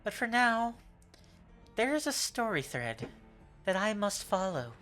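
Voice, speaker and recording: Man voicing a courteous trickster stranger, swooping pitch. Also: very animated, measured pace, pushed and bright, soft background music, exaggerated voice. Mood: smug, courteous. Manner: courteous, theatrical. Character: polite, slippery trickster stranger, unhurried and teasing.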